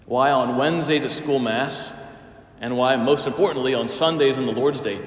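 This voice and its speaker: A man's voice: medium pitch, moderate pace. A man preaching a sermon as a priest, telling a story with emphatic phrasing in a church. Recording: echoey church with long reverb.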